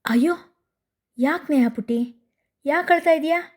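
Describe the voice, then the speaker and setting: A woman voicing a tender older village uncle who speaks in a slow, coaxing way. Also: sits high, voice pushed up, close to an everyday voice. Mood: worried.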